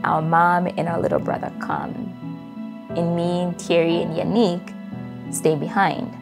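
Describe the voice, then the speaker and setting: A young woman from Congo recalls her life in a reflective, unhurried way, full of "like" and "you know." Her voice sits low with a gravelly, creaky edge. Music plays clearly underneath her. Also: steady tone. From Democratic Republic of Congo. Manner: reflective, with frequent fillers and soft laughs. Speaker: interviewee. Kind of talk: personal storytelling.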